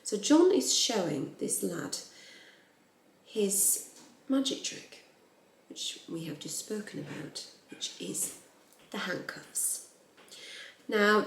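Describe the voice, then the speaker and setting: A woman telling a true crime story in a blunt, animated, casual way, swearing freely. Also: on the low side, gravelly. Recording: roomy echo.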